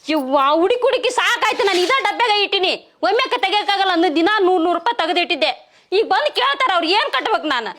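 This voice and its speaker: A woman's voice: extremely high pitch, very animated, fast talker, a bit bright, heavily acted. A middle-aged woman playing a fretful, complaining village mother. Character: worried village mother of grown children. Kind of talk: village short-film acting.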